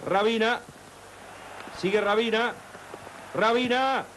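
A male football commentator speaks slowly at a very high pitch. His live calls are florid and drawn out. There is clear noise on the old broadcast. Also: steady tone, fairly bright tone. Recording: noisy old television broadcast. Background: clear stadium noise.

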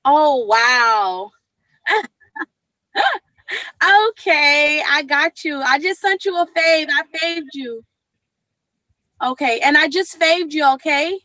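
A woman's voice: sits high, takes it slowly, pauses often, sharp tone, dry recording. A woman hosting a casual livestream chat, laughing often and calling viewers "my love". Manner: laughs often, affectionate, calls people "my love". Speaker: livestream host.

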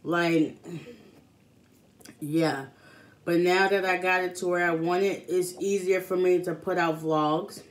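Here the mukbang vlogger, a woman in her thirties, talks slowly with a fairly low, even voice and frequent pauses. She chats to the camera between bites, often with food in her mouth, in a small room at home where the clear recording picks up background noise.

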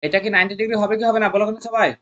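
A quick, energetic math tutor, running an exam-prep lesson at a brisk pace. The voice sits at a middle pitch and keeps up a constant call-and-response, asking students to supply each answer and coaxing them along with repeated prompts. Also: lo-fi sound. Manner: coaxing, repetitive. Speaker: math tutor at a coaching centre.

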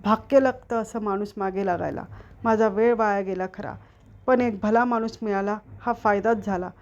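A woman's voice: medium pitch, normal speed, a little mellow, lo-fi sound, lightly acted. Woman reading as a breezy young man.

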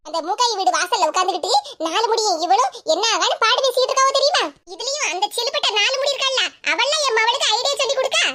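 Casting: a quarrelsome, cackling old cartoon mother-in-law, very high and fast, Tirunelveli Tamil accent. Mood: plotting. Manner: scolding, theatrical, cackling. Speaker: cartoon voice actor. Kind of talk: comic cartoon voice acting. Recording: noisy recording.

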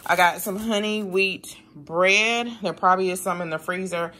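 A woman's voice: fairly low pitch, moderate pace, bright, forceful tone. A middle-aged woman, rambling chattily to viewers about her grocery haul in her kitchen. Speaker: vlogger showing a grocery haul. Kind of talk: casual chat to viewers. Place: home kitchen, indoors.

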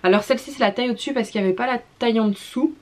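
A young woman, a mother, chatting casually in a haul vlog, gushing about baby clothes and often repeating words and filling pauses with "euh". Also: fairly high pitch.

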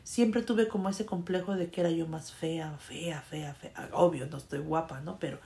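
A Mexican woman telling a personal story in a casual, conversational way, with frequent fillers and a voice that trails off softly. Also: low voice, steady tone, moderate pace, creaky. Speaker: storyteller sharing a personal experience.

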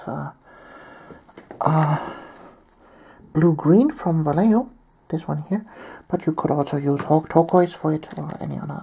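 A woman from Germany, talking softly through a painting tutorial while she has a cold and keeps clearing her throat. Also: low voice. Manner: soft-spoken, often near a whisper. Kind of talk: step-by-step tutorial narration.

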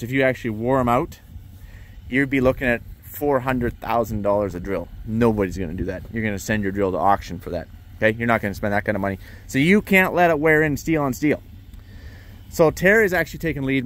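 A man vlogging around his farm, chatting casually as he explains his equipment and chores. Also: mid-range voice. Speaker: farmer vlogger. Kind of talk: casual walk-through vlog. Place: outdoors on a farm yard beside machinery.

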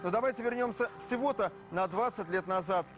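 A man's voice: high voice, brisk. A man in his thirties presenting a television programme with punchy rhetorical questions and scripted narration. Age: 30s. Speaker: TV host and reporter. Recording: loud music behind voice.

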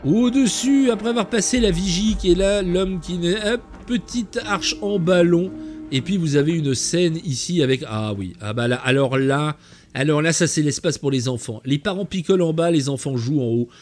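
A man's voice: fairly high pitch, moderate pace, darkish tone, soft background music. A man hosting a gameplay tour, chatting in a jokey, enthusiastic way. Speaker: game channel host. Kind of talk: playful gameplay tour commentary.

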